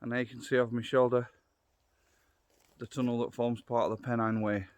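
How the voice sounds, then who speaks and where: A middle-aged man with a Yorkshire accent talks casually as he guides viewers along an outdoor trail. His delivery is unscripted and down-to-earth, as he thinks aloud into a phone held at arm's length. His pitch sits in an ordinary middle range for a man. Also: level tone, brisk. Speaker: vlogger, walking guide. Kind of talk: casual walking vlog narration.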